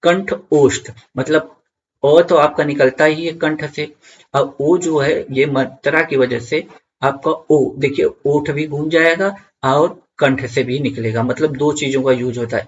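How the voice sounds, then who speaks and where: A man's voice: mid-range voice, highs cut off, a little hiss or hum. A man teaching an online grammar lesson for exam students, repeating key points and checking in with viewers.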